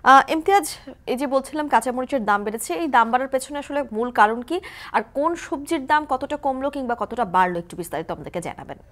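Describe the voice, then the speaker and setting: A woman's voice: sits high, lively intonation, fast talker, fairly bright tone. A woman anchoring a morning news bulletin, reading formal links to reporters in the field. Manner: crisp, formal link reading. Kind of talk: scripted news presenting.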